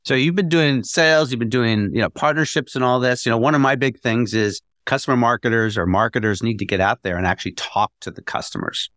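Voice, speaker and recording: A man hosting a podcast, talking in a relaxed, conversational way. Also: mid-range voice, a little fast, few pauses, no room sound, clean studio sound. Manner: relaxed, conversational, uses fillers like "you know". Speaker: podcast host. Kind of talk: casual interview chat.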